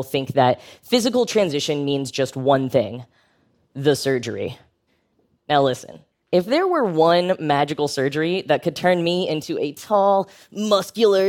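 An American man with a fairly high-pitched voice gives a prepared live talk. A public speaker with a humorous, educational bent, he comes across as conversational, wry and emphatic.

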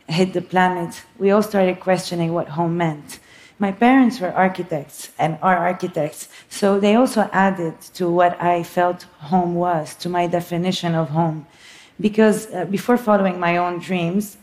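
A Lebanese filmmaker in her thirties, with a fairly low-pitched voice, gives an earnest, reflective talk on stage, leaving soft pauses as she speaks.

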